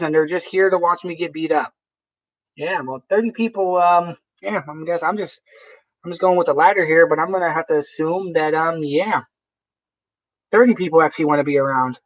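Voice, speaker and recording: A man hosting a live stream in casual chat, rambling and swearing freely, often restarting his sentences. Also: on the high side. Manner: rambling, profane, with frequent restarts. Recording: dull lo-fi sound.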